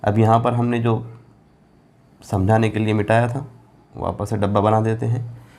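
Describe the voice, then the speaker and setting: A man teaching Arabic letters as a Quran reading teacher, patient and repetitive, drawing out each letter name slowly. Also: fairly low pitch, level tone, a little mellow. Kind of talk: board lesson explaining Arabic letters.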